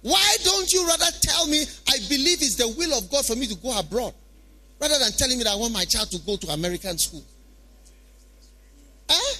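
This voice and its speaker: A man's voice: very high-pitched, animated, a little fast, pauses often, pushed and bright. A man with a Ghanaian accent preaching a sermon in an emphatic, repetitive way, full of rhetorical questions.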